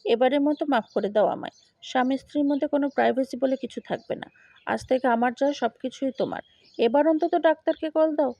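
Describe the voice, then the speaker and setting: A woman voicing a young husband who is quick to anger and then begs forgiveness, read plainly in her own voice. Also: very high-pitched, creaky, no echo, heavily acted. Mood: pleading. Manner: read plainly by the narrator, pleading. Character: remorseful young husband, hot-tempered then pleading. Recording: dull lo-fi dry recording.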